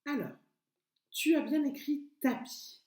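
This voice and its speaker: A woman's voice: high-pitched, takes it slowly, a little mellow. Patient woman teacher sounding out letters. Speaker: kindergarten teacher. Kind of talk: remote literacy lesson for young children. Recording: echoey room.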